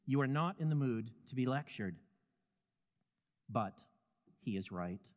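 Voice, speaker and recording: A man telling a story in second person with a measured, vivid delivery. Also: mid-range voice, lively intonation, a little mellow, in a large hall, highs cut off. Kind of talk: scripted second-person narration.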